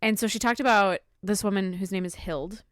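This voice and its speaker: A woman's voice: mid-range voice, a little fast, fairly bright tone, no room sound, studio quality. A woman hosting a podcast, recapping in an informal, giggly, chatty way. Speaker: podcast host. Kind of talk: casual chat, recapping a talk.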